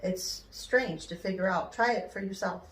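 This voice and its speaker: An older woman explaining things conversationally as she joins in a relaxed personal talk. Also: medium pitch, moderate pace. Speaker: mother joining the talk. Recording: echoey room.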